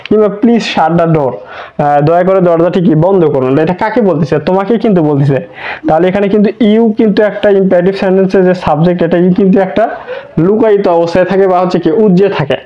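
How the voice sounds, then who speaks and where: In an online English grammar lesson, a man with a high-sitting voice talks fast, explaining step by step. He repeats words and asks rhetorical questions, and the recording sounds dull and lo-fi.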